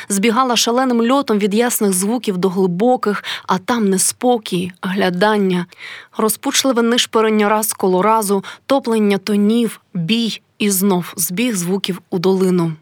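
A woman's voice: medium pitch, moderate pace, no room sound, studio quality. Woman reading a classic story aloud. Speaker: narrator. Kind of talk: literary audiobook reading.

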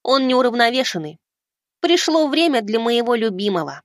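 A man's voice: very high voice, very animated, moderate pace, no echo, studio quality, pitched above the performer's own voice, full character voice. A man reading an audiobook, voicing a cocky young boy fighter who talks in a taunting, sarcastic way. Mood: wry.

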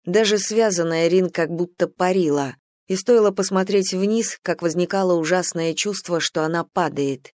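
Measured audiobook narrator, dry sound. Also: mid-range voice, darkish tone, no echo. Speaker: audiobook reader. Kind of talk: scripted narration.

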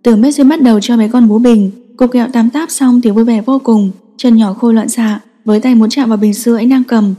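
A woman narrating a story in a steady, scripted storytelling style. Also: a little high, brisk, hardly any pauses, big-room sound. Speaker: audiobook narrator.

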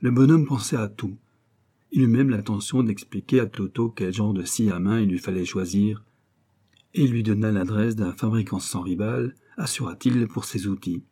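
A man narrating an audiobook in a steady, even storytelling manner. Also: on the low side, moderate pace, slightly rough. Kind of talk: scripted narration.

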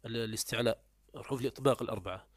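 A man teaching a classical grammar lesson, explaining step by step, asking and answering his own questions and slowly repeating words to drill them. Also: medium pitch, dry recording, studio quality. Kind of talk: classical Arabic morphology lesson.

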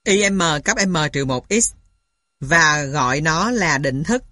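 Woman, very slow pace, methodical lecturer, scripted read-aloud narration, dry close sound. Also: low voice, animated, bright, forceful tone, no room sound. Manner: methodical, spells out symbols and punctuation. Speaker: lecturer reading a maths textbook aloud.

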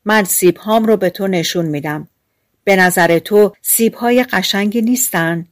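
A woman voicing a wicked queen disguised as a peasant woman, coaxing and sly in a loud voice. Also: medium pitch, no room sound, clean studio sound, lightly acted.

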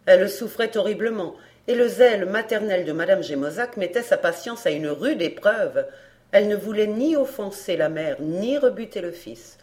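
A woman reading a classic detective novel aloud for an audiobook, measured and even. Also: mid-range voice. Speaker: audiobook reader.

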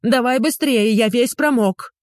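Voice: mid-range voice, unhurried, no room sound, studio quality, pitched above the performer's own voice, natural voice. A reader voicing a grown man, a whining, demanding, pompous ex-husband, in an audiobook. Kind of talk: audiobook dialogue.

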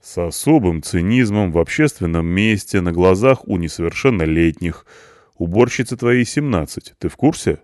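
A man voicing a calm, wry police officer who slowly dictates a report in formal wording. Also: deep voice, no room sound, clean studio sound. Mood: dictating.

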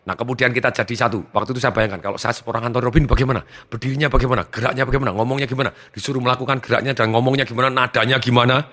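A man giving a motivational seminar talk, energetic and acting out his students' lines. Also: mid-range voice, very fast, few pauses, big-room sound. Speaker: motivational trainer.

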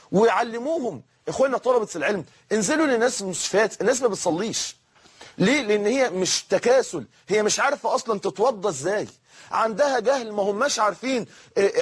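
A man's voice: high voice, breathy edge. A man with an Egyptian accent preaching a sermon, often repeating key phrases for emphasis.

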